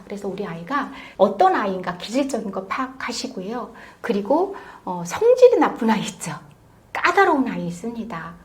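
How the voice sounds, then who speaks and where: A woman giving parenting advice on a talk show, emphatic, swinging from loud stresses to hushed near-whispers. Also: on the high side. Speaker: parenting expert guest.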